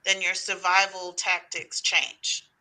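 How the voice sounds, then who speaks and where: A woman's voice: on the low side, monotone, slow, sharp tone, rough recording. A woman in her forties speaking as a guest, affirming and thoughtful in casual conversation. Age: 40s.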